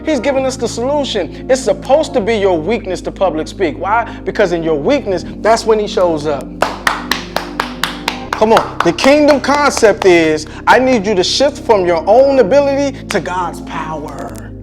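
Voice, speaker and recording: A man's voice: high-pitched, lively intonation, a little slow. A man coaching on public speaking in a fervent, preacher-like way, calling out "come on" and restarting his words. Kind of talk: faith-based motivational talk. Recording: clear music bed under voice. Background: music.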